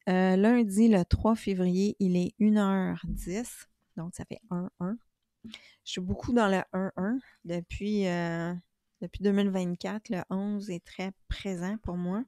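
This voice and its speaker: A middle-aged woman with a Québécois accent, talking calmly and soothingly in a casual spiritual vlog about inner peace and tarot. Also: mid-range voice, no echo, studio quality. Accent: Québécois French. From Quebec. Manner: calm, soothing, gently reflective. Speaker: spiritual YouTuber and tarot reader.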